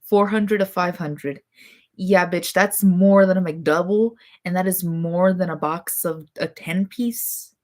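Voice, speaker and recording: A young woman with vocal fry, chatting casually and bluntly to camera from her bedroom, keeping her voice quiet and swearing freely. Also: on the low side, slow. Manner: blunt, profane, rambling; trying to talk quietly. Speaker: vlogger.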